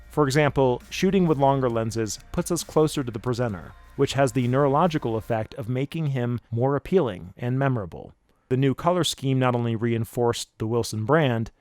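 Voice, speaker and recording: A male narrator reads scripted explainer narration for a video production in a voice of middling pitch, with soft background music playing beneath him.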